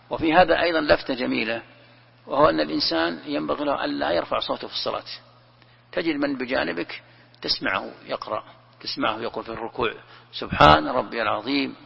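In a lo-fi recording with long reverb, a man delivers a religious lesson as a sheikh explaining Quran commentary, chatting through it and asking and answering his own questions. He has a medium-pitched, creaky voice with a breathy edge.

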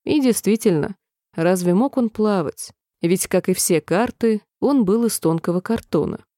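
Mellow-voiced woman reading a storybook. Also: mid-range voice, dry recording, clean studio sound. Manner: expressive, measured storytelling. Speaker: audiobook narrator. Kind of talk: storybook audiobook narration.

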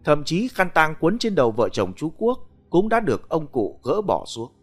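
A man narrating a ghost story in an expressive, scripted storytelling manner. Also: on the high side, normal speed, slightly rough. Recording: faint background music.

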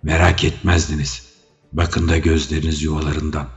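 A man's voice: a bass voice, level tone, moderate pace, big-room sound. A man voicing a wounded, battle-hardened barbarian king who speaks in terse growls. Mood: grim. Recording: dull audio with faint music.

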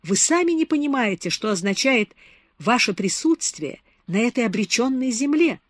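A woman reading an audiobook, voicing a suave, melancholy man who speaks softly and persuasively. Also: a little high, big pitch swings, moderate pace, no echo, clean studio sound, pitched above the performer's own voice. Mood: tender. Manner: soft, persuasive.

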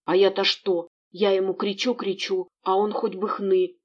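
A woman's voice: medium pitch, flat delivery, normal speed, a little mellow, slightly rough, muffled recording, close to an everyday voice. Woman voicing a grumbling burly coachman. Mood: defensive. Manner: grumbling, making excuses.

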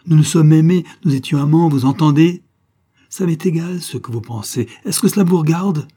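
A man's voice: mid-range voice, normal speed, dark tone, husky, natural voice. A man voicing a bitter young wife in an audiobook, speaking coldly and defiantly, breaking into angry outbursts. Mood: furious.

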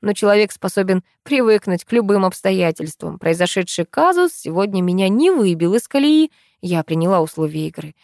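A woman narrating an audiobook in a wry, expressive storytelling manner. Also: mid-range voice, a little fast, few pauses, no echo, clean studio sound. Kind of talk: audiobook narration with character voices.

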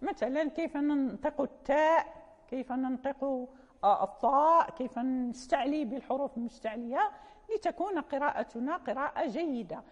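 A woman's voice: high voice, normal speed, a little mellow. A woman teaching Quran recitation in a lecture, speaking Arabic with a Moroccan accent, explaining patiently with fillers and self-corrections. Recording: muffled sound with long hall reverb.

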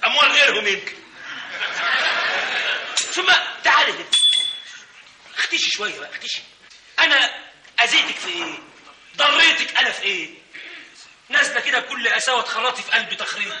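Brash chauffeur who claims to be a lawyer, classic comic stage play, boastful, very high bright voice, quick talk, old roomy stage recording. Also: male voice, animated, distant mic, slight background noise, exaggerated voice. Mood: indignant. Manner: boastful, mock-indignant, chuckling. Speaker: stage actor.

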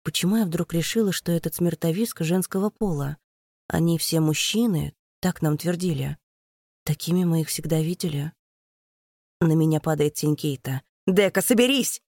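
A woman's voice: deep voice, moderate pace, dark tone, no room sound. A woman narrating a first-person fantasy audiobook in a tense, dramatic reading.

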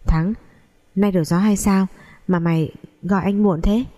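A woman's voice: mid-range voice, fairly even intonation, moderate pace, mellow, lightly acted. Woman doing a brash, teasing male cousin. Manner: blunt, joking, crude.

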